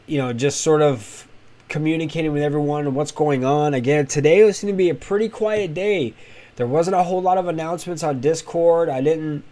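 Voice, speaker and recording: A man hosts a casual evening live stream and talks straight to his viewers. He is outspoken and blunt, circling back and restarting his sentences as he thinks aloud. His voice sits a little high for a man. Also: darkish tone. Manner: candid, opinionated, rambling with restarts. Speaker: host of a crypto live stream.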